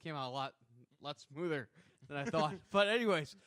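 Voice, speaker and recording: A man's voice: on the high side, expressive, normal speed, a bit bright, no room sound, clean studio sound. A young man co-hosting a gaming podcast, out of breath, telling a story with lots of laughter and acted-out quotes. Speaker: podcast co-host. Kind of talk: casual gaming chat.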